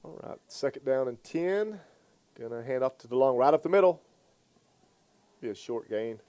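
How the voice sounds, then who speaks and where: A man's voice: medium pitch, lively intonation, mellow, dry recording. Folksy man doing football color commentary. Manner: folksy, joking, quick to laugh. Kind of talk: high school football radio commentary.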